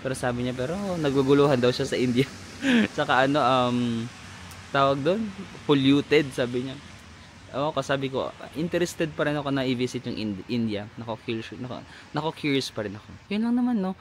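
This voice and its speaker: A man's voice: medium pitch, lively intonation, brisk, a little hiss or hum. A man, chatting animatedly in a casual travel vlog outdoors, laughing often. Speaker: travel vlogger. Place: outdoors in a lakeside village.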